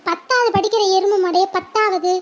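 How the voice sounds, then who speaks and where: A loud, exasperated village mother scolds her daughters nonstop, as a woman acts her out. Her voice sits high. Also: normal speed. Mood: scolding.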